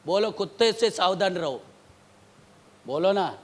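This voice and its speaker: A male pastor preaching a sermon. He repeats phrases, questions the congregation, and swings from loud outbursts to low asides. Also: expressive, unhurried. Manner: questions the congregation and tells them to read aloud.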